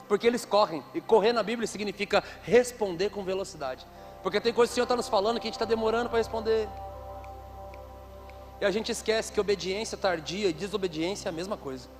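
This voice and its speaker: A man's voice: high-pitched, fast, faint music behind. A man preaching a conference sermon into a handheld microphone, telling stories with playful asides. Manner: lively storytelling with playful asides.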